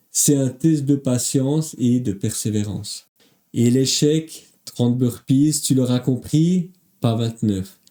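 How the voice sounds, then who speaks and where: A man's voice: mid-range voice, dark tone. A man coaching viewers through obstacle race training in a motivational voice-over, direct and upbeat. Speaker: fitness coach.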